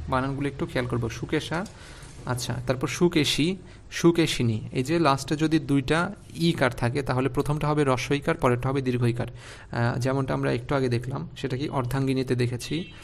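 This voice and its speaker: A man's voice: mid-range voice, vocal fry, a little hiss or hum. A man teaching an online spelling lesson, patient, repeating each word and checking with the class as he goes.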